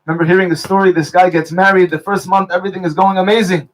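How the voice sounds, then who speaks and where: A man's voice: high voice, steady tone, fast talker, low-quality recording. A man officiating a wedding, speaking under a chuppah and telling stories and jokes between Hebrew blessings. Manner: warm storytelling with Hebrew blessings.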